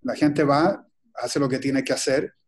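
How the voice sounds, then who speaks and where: A man from Chile gives a webinar presentation as guest presenter over a video call. His mid-range voice keeps a fairly even intonation. He speaks haltingly and deliberately, often pausing and starting over.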